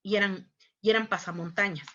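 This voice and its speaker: A woman's voice: mid-range voice, steady tone, a little fast, a bit bright. A woman with a Mexican accent giving a conference talk in a conversational way. She often ends remarks with rhetorical questions and acts out other people's voices. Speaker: conference speaker on human rights. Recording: muffled lo-fi recording.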